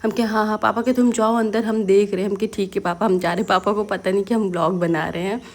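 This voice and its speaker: Woman, young adult, casual vlog voice-over, lively storyteller, mid pitch. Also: fast talker. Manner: lively storytelling, acting out family members' lines. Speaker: vlogger narrating family footage.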